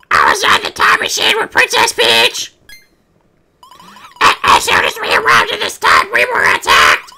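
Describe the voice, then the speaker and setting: A panicky little mushroom creature who shouts frantically. The voice jumps wildly up and down and sounds gravelly and piercing. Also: extremely high pitch, slight background noise, heavily acted. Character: panicky small mushroom servant. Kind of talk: let's play voice acting.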